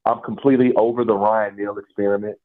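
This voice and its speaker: A man's voice: fairly low pitch, level tone, fast talker. A man calling in to a sports radio show over a phone line, venting in a casual, emphatic way. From Nashville area, US South. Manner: emphatic, frustrated fan venting. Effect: caller heard over a phone line. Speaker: call-in radio caller. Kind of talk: casual call-in sports talk.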